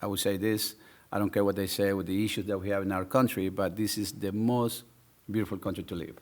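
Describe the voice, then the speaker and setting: Man, 50s, enthusiastic storyteller, lowish voice. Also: steady tone, brisk. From El Salvador. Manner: warm, enthusiastic storytelling with many fillers. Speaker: guest business owner. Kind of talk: casual interview.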